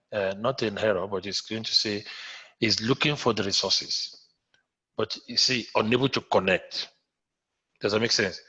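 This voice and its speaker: A Nigerian-accented instructor teaches a live online coding class, repeating points and frequently checking that students are keeping up. His voice is lowish, pushed and bright with a breathy edge, and the audio is muffled and lo-fi.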